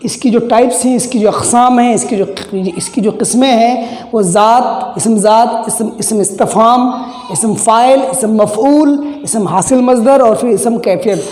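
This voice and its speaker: A teacher giving a grammar lesson at a board, repeating key terms and asking quick questions to check that the class follows. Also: medium pitch, a little mellow. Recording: echoey room with long reverb.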